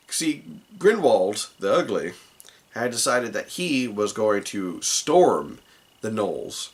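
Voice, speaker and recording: A man recounting a tabletop game session as the dungeon master, rambling with many asides. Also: mid-range voice. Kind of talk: casual tabletop game recap.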